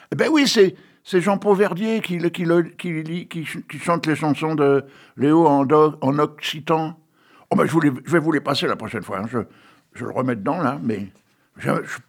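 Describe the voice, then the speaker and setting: A middle-aged man hosting a radio show in a studio, chatting casually with rambling jokey asides and reading poems aloud slowly and deliberately. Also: fairly high pitch, gravelly, husky. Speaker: radio host. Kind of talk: casual chat and poetry reading.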